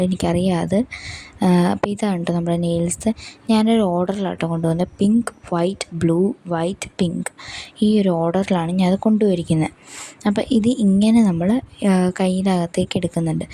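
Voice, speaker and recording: Husky-voiced Malayali woman vlogging. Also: on the low side, dark tone. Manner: chatty, explains each step, frequent fillers. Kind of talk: casual unboxing vlog narration. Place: home room with window open, street traffic outside.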